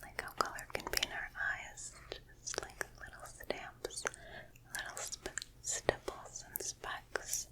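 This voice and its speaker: Slow whispered role-play woman, right in your ear. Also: poor audio. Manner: gentle, soothing, repeats words slowly. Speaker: ASMR painter guiding a portrait sitter. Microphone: close binaural microphone.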